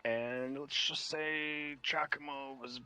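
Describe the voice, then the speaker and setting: A man with a New York accent voicing a grave, ancient male traveler from another world in a tabletop game, measured and pausing between phrases. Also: on the high side, fairly even intonation, sharp tone, clear, resonant tone, heavily acted. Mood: explanatory, measured.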